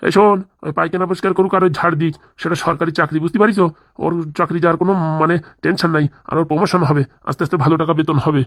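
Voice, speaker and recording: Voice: mid-range voice, fairly even intonation, rapid-fire, no echo, lightly acted. A voice actor playing a grumbling, self-pitying village grandfather in a cartoon comedy, with a stammering, rustic way of talking. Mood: scolding. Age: older. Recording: dry close studio voice.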